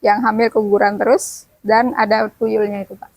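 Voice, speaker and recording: A woman's voice: mid-range voice, flat delivery, moderate pace, a little mellow, no room sound. A woman hosting a talk show who gives brief prompts and introduces her guest. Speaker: host.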